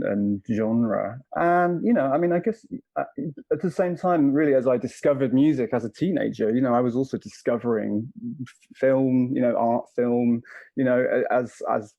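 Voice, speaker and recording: Man, 50s, author being interviewed, thoughtful, hesitant, dark tone, dry sound. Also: medium pitch, dry recording, muffled recording. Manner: hesitant, thoughtful, many fillers.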